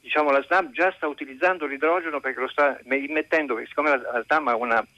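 A man phoning into a radio show, his voice bright and a bit sharp, heard dry and close. He lays out his point earnestly and at length, breaking off mid-word and starting over again and again. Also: mid-range voice, no room sound, dull audio. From central Italy. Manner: earnest, long-winded explaining with frequent halting restarts. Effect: calling in by phone to a radio show. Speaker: caller. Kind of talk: phone-in question to a radio host. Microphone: phone.

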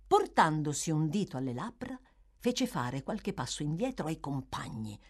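A woman narrating a classic novel in a lively, theatrical reading style. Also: fairly low pitch. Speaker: audiobook narrator. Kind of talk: expressive literary reading.

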